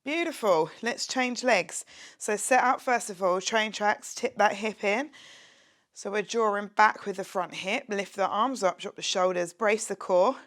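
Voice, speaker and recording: A woman's voice: medium pitch, measured pace, a bit bright. Woman, young, fitness instructor; upbeat, chatty home workout coaching, works out while talking. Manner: upbeat, encouraging, chatty with jokes; exercising while talking, drops to a whisper at times. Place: her home, near a street window.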